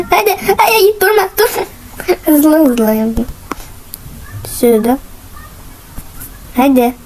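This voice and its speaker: A young woman with a high voice talks through a game at an unhurried pace, cheering herself on and giggling as she plays. Faint background noise and mouse clicks sit under her voice. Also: dark tone, poor audio. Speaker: gaming channel host. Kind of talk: casual gameplay commentary.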